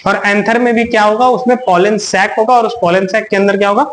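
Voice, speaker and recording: A man's voice: high-pitched, steady tone, a little fast, slight background noise, low-quality recording. A man teaching a biology class, asking questions and answering them himself, repeating key terms and mixing in English words. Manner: mixes in English terms and reads English text aloud. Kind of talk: classroom lecture on a recorded video.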